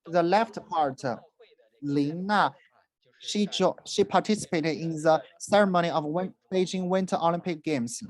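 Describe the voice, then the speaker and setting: A presenter from a university speaks slowly and haltingly, often pausing on fillers and restarting phrases. The delivery is that of a formal presentation given in a second language. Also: medium pitch, poor audio. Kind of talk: presentation with live interpreting.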